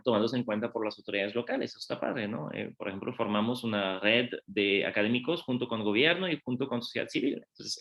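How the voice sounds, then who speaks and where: A man with a middle-range voice gives a relaxed academic talk at a university panel, speaking as a non-native speaker. He reasons aloud, pauses to think, and keeps turning to the audience with quick tag questions. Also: medium pitch. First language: not Spanish.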